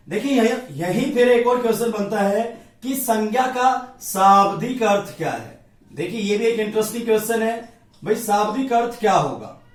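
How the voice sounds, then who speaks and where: A male Hindi grammar teacher giving an exam-prep lecture at a board, drilling each point by asking a question and answering it himself. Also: high-pitched. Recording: echoey room, voice from a distance.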